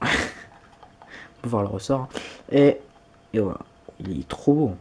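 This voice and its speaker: A man's voice: lowish voice, unhurried, dark tone, slightly rough. A man filming an unboxing vlog at home, talking enthusiastically and gushing over each item. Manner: enthusiastic, gushing with frequent exclamations. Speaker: YouTuber.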